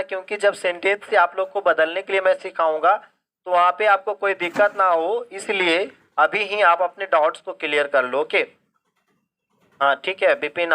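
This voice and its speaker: Male teacher running a live online class, bright forceful tone, poses questions then answers them. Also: sits high. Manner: keeps checking if students understand; mixes English phrases into Hindi explanation. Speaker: English grammar teacher.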